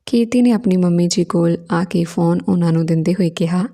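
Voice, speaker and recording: A woman narrating a scripted story in a plain, steady reading that names each speaker before their lines. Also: lowish voice, brisk.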